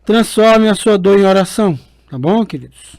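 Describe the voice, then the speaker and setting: Casting note: a high-voiced man, a priest giving a homely radio sermon with lots of tag words. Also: lively intonation, normal speed, a little mellow, no room sound. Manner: chatty, fond tags like "né" and "queridos". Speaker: priest and radio show host. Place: radio studio.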